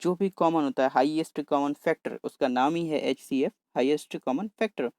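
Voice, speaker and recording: A man walks students through exam problems at a brisk clip, calling them "brother" and keeping things chatty. His voice sits a little high and is recorded close and dry, with no room sound. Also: darkish tone, no room sound. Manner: brisk, talks fast on purpose to cover the paper; addresses viewers as "bhai", chatty and coaxing. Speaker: exam maths teacher. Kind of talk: solving exam paper on screen.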